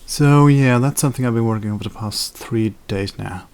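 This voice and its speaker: A man's voice: mid-range voice, normal speed, a little mellow, clean tone. A young man chatting casually in a daily vlog, rambling with fillers and self-corrections. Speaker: video blogger.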